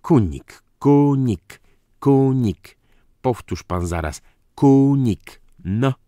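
A man reading an audiobook voices a proud, unstable aristocratic count who bursts out in indignant, theatrical shouts. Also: on the low side, expressive, takes it slowly, dry recording, clean studio sound, voice pushed up. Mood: furious. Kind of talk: audiobook character voice.

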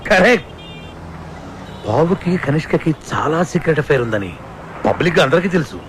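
A man's voice: a little high, sing-song, moderate pace. An actor playing a scheming male producer who lays out a sly plan in a comedy film. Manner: scheming, conspiratorial. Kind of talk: comic film dialogue. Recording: street traffic noise behind.

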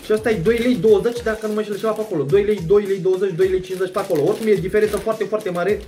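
Young man, high-pitched voice, joking and slangy, faint music behind. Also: steady tone, dark tone. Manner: joking, exaggerated, slangy, addresses viewers directly. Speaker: vlogger. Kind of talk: casual food taste-test vlog. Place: at home indoors.

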